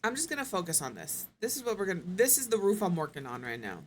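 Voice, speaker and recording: A woman's voice: medium pitch, very animated, fast talker. A woman streamer giving casual live gameplay commentary, thinking aloud, musing and correcting herself as she goes.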